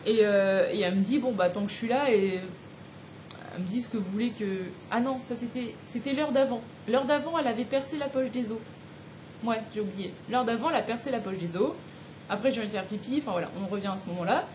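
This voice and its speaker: A young woman telling a personal story in a casual, animated way, with slang and frequent laughter. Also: on the high side, fast talker, slight background noise. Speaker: vlogger.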